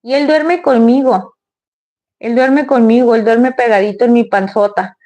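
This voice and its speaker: A woman's voice: on the high side, fairly even intonation, unhurried, dark tone. A woman, chatting to her viewers in a rambling, storytelling way. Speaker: vlogger. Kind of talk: casual storytelling to the camera.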